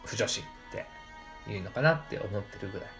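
A woman co-hosting a casual comedy podcast in the student role, laughing easily and talking in a loose, rough way. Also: a bass voice, expressive, fast, fairly bright tone, faint music behind. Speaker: podcast co-host playing student.

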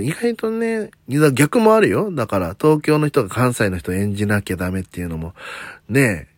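A man's voice: lowish voice, no echo. A man from Osaka talking casually in a solo podcast, mostly in standard Japanese with faint Kansai traces, chatty and self-deprecating. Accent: slight Tokyo-leaning standard Japanese with faint Kansai traces. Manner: chatty, self-deprecating, frequent "un" fillers and joking asides. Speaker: comedian hosting a solo talk podcast.

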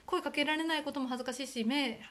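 High-voiced and a bit bright, this young podcast co-host from Aomori, Japan talks fast in a steady tone. Chatting casually with her sister, she spins self-deprecating stories.

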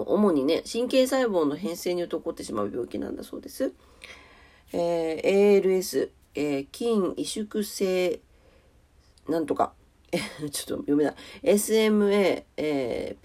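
Her voice sits low with a dark tone, and a cold leaves it nasal and stuffed-up. As the solo host of a casual morning radio-style program, she chats politely about the weather and daily notes.

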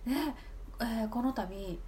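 A woman's voice: on the high side, takes it slowly, dark tone, a little hiss or hum. A woman talking casually on her own, chatty and laughing, with many fillers and asides. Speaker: talk app streamer. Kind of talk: casual monologue.

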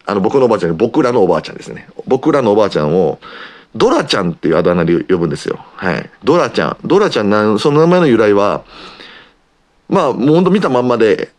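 A man with an Osaka Kansai accent hosting his own podcast, talking casually and rambling with lots of filler pauses. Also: on the low side, sing-song. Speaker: podcast host, pro wrestler. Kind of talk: casual solo radio-style talk.

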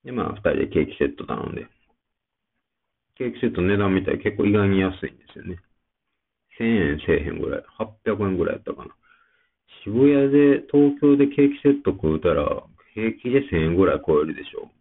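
Low gravelly Kansai man, tinny sound. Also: lively intonation, quick pace. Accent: Kansai Japanese. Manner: rambling, chatty, many fillers. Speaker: podcast host. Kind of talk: casual solo talk.

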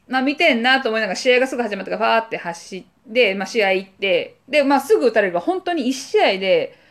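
A woman's voice: a little high, lively intonation, quick pace. A woman speaking, co-hosting a podcast and telling a story in casual chat, acting out voices and sound effects as she goes. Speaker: podcast co-host.

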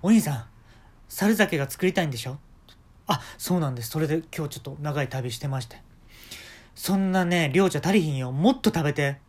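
A man's voice: a little high, a little fast, close to an everyday voice. A man voicing a pushy middle-aged housewife with a Kansai accent, talking in a bossy, insistent way.

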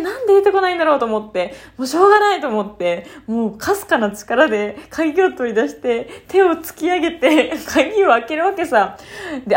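Young woman telling a lively story. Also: on the high side. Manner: animated, sound-effect-laden retelling. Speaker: solo radio talker. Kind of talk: casual storytelling monologue.

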